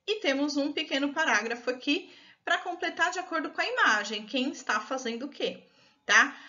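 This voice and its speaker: A woman's voice: sits high, animated, normal speed, sharp tone. A woman with a Brazilian Portuguese accent, an English teacher patiently explaining a recorded online lesson step by step. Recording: dull lo-fi recording.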